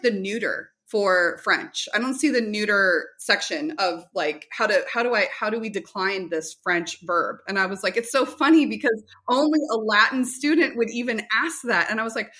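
With a mid-range voice that sounds pushed and bright, a middle-aged woman answers interview questions as a guest representing a homeschool curriculum company. She keeps things chatty and casual, often sharing anecdotes and quoting conversations.

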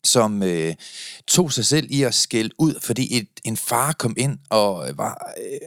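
A man's voice: lowish voice, sing-song, dry recording, clean studio sound. A man hosting a podcast, talking reflectively and encouragingly in a casual conversation. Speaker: podcast host.

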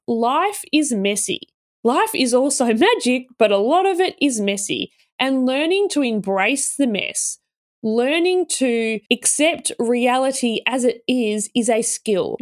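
A young Australian woman, a wellbeing speaker and educator, telling a story on a solo podcast in an animated way. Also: high-pitched.

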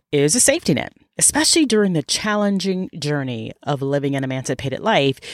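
A low-pitched woman's voice with lively, swinging intonation, nasal and stuffed up with a cold. She presents a motivational podcast monologue in a close, dry recording. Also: no room sound. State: sick with a cold. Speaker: podcast host, life coach.

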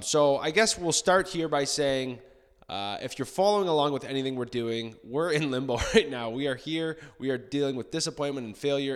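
A man hosting a casual solo podcast, talking off the cuff and haltingly in a very echoey, bare-walled room. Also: mid-range voice. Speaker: podcast host. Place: indoor room with bare hard walls.

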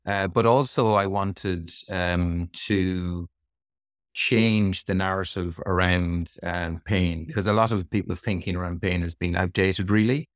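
A middle-aged man from the west of Ireland speaks with that region's accent in a low voice. He answers interview questions in a reflective, explanatory way. The sound is dry, with very little room in it. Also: fairly even intonation, a little slow, no room sound. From Sligo, west of Ireland. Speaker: interview guest, physiotherapist.

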